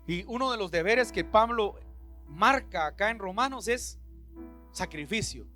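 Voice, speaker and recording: A man's voice: sits high, animated, measured pace, bright, forceful tone, faint music behind. A man preaching a passionate sermon in a church, with a Central American Spanish accent, acting out Bible scenes in different voices. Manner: impassioned, acts out Bible dialogue in voices. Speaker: pastor.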